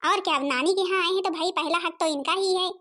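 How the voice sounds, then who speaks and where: A woman's voice: extremely high pitch, quick pace, pushed and bright. A woman voicing bossy, brash visiting sisters-in-law in a cartoon, taunting their hosts. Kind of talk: Hindi cartoon voice acting.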